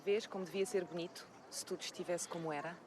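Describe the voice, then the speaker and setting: A woman's voice: on the low side, steady tone, fast talker, background noise, close to an everyday voice. An actress playing a patient, formally polite history professor from Portugal, explaining things to her daughter outdoors. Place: outdoors at an ancient site.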